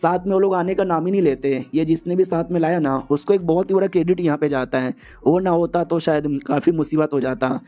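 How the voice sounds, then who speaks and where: A man's voice: on the high side, fairly quick, natural voice. A man reading as a blunt woman leader. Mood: brisk. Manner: blunt, familiar. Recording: muffled lo-fi audio.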